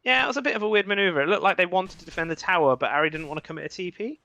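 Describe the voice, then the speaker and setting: A man casting a live esports match, chatty and wry with quick reactions. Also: sits high, creaky, sharp tone, no echo. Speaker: esports caster. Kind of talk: live game commentary.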